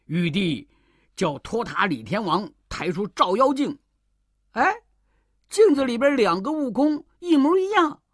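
A woman tells a classic tale to children in a lively, sing-song voice, with playful interjections along the way. Her pitch rises and falls widely, and the recording is close and dry. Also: moderate pace, no echo. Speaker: children's storyteller. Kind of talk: storytelling for children.

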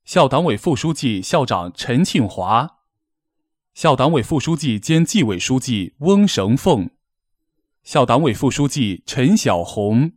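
A man's voice: medium pitch, big pitch swings, dry recording, clean studio sound. A man hosting a formal gala, delivering a scripted, poetic address in a solemn, declamatory manner. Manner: declamatory, solemn, measured phrasing. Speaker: gala host, master of ceremonies.

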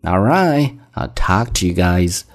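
A man teaching an English vocabulary lesson in Chinese, explaining each word step by step and reading the examples slowly. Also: low voice, big pitch swings.

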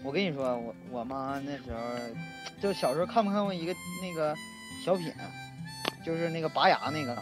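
A man chatting casually as a co-host, chiming in with quick asides. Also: a little high, over music. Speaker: live-stream co-host. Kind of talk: casual chat.

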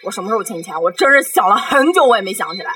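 A woman's voice: medium pitch, expressive, racing, sharp tone. A woman telling a story in a casual podcast chat, rambling with many fillers and restarts.

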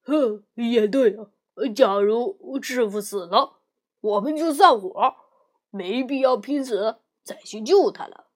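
A woman's voice: fairly high pitch, takes it slowly. A woman voicing a lazy, grumbling male pig monk in a children's storybook reading. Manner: whiny, grumbling, loud.

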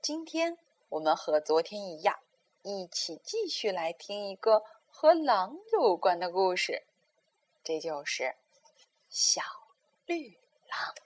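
A woman storyteller reading a children's story aloud in a gentle, expressive way. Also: mid-range voice, slow.

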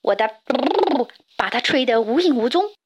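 A woman voicing a boastful, stubborn male elephant in a storybook, shrill and shouting. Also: animated, moderate pace, husky. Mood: proud.

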